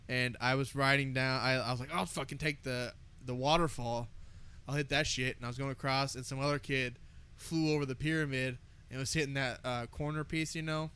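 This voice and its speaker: This young American man's medium-pitched voice is smooth but pushed and bright. As a podcast co-host he swaps stories and casual chat in a rowdy, foul-mouthed frat-bro style.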